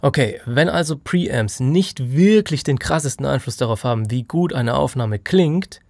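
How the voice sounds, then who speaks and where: A man's voice: mid-range voice, animated, normal speed, creaky, a little mellow, no room sound, studio quality. A man explaining recording techniques in a casual tutorial, sometimes moving away from the microphone to demonstrate. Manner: demonstrates mic distance by moving off and back. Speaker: audio engineer explaining recording. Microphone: studio microphone.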